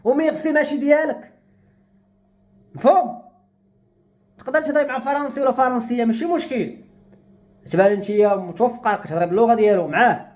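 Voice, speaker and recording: A man's voice: very high-pitched, fast, pauses often, darkish tone. A young man with a Moroccan Arabic accent, speaking to camera in an agitated, despairing rant. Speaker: vlogger. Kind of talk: emotional monologue to camera.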